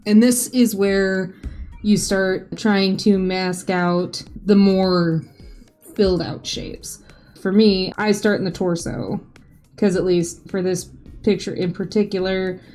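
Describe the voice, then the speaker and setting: A woman's voice: medium pitch, mellow. A woman hosting a drawing tutorial, talking in a casual, chatty voice-over with light self-joking asides. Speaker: art tutorial host. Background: faint background music.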